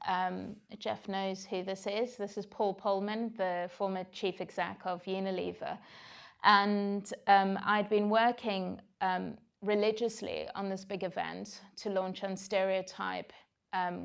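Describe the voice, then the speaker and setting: This is a woman in her forties from South Africa, speaking with a South African accent in a medium-pitched, gravelly voice. She shares her personal story on stage, candid and reflective, sprinkling in many "um" fillers.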